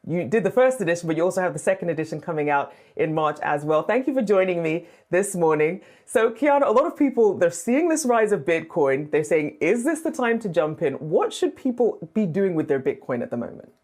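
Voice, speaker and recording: A woman news anchor who leads a financial news interview with a polished, brisk delivery. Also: fairly low pitch, very animated, a little mellow.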